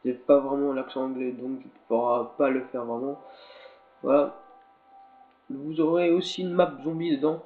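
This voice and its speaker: A man who is a little sick, giving casual, halting commentary to his viewers while he plays a game. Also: medium pitch, fairly even intonation. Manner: rambling, halting, talks to viewers while playing. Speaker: gaming video commentator. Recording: tinny, lo-fi, echoey capture with faint game ambience.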